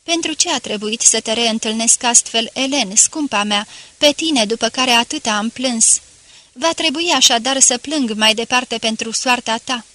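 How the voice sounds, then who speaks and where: Narrator giving voice to an old grieving father, tender, brightish tone, audiobook. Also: fairly high pitch. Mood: sorrowful. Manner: sorrowful, tender.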